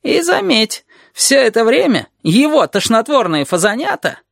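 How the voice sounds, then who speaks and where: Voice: mid-range voice, big pitch swings, moderate pace, gravelly, dry recording, clean studio sound, voice pushed up. A reader doing a sardonic, grumbling teacher. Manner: grumbling, increasingly heated. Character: gloomy, sardonic male teacher called the lizard. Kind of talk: audiobook character voice.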